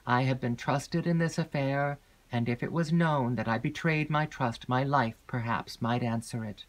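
A woman voicing a gloomy, secretive male porter in an audiobook, speaking slowly and gravely with long hesitations. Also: very deep voice. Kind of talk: audiobook character reading.

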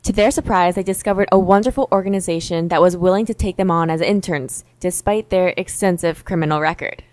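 Young woman narrator, low-ish voice, deadpan mock-heroic delivery, dry close sound. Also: brisk, no room sound, poor audio. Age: young adult. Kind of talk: mock-epic storybook narration.

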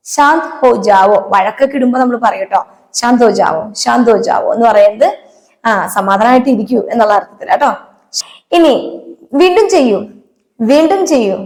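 A woman teaching a spoken Hindi lesson, patiently repeating each phrase slowly and quizzing her listeners. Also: high voice, a little mellow, reverberant, poor audio.

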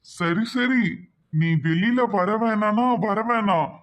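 A man's voice: high voice, slow pace, fairly bright tone. A man voicing a chatty rich loner. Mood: coaxing. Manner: chatty, coaxing, mixes in English phrases. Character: rich lonely man, friendly and talkative. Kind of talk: animated cartoon dubbing.

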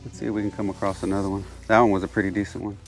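A man narrating his fishing trip from a kayak outdoors, excited and repeating himself, a bit out of breath from the heat. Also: on the low side, very fast, soft background music. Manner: excited, repeats phrases, drops to hushed whispers when sight casting. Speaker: fishing channel host. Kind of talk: casual outdoor narration to camera. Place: kayak on open water outdoors.

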